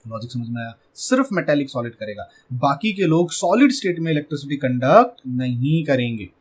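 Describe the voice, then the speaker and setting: A man's voice: mid-range voice, very animated, a little fast, darkish tone, breathy edge. A man teaching a chemistry exam-prep lecture with an Indian English accent, asking his class questions and answering them himself.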